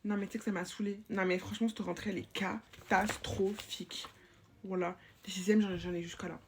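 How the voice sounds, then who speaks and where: A woman's voice: mid-range voice, little pitch movement, brisk, background noise, lightly acted. A woman playing a chatty school supervisor. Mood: teasing. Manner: rambling, slangy, teasing. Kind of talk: comic POV sketch.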